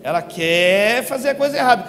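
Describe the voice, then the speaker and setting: High-voiced Brazilian pastor preaching in a hall. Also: male voice, brisk. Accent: Brazilian Portuguese. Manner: animated storytelling, acts out a crying child. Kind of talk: sermon. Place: church auditorium. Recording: long hall reverb with music behind.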